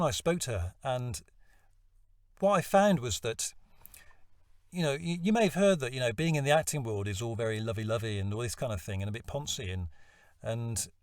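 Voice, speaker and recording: A man's voice: a little high, no echo, studio quality, recorded from a distance. A man telling a personal story in a reflective, self-deprecating way. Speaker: voice-over hopeful vlogger.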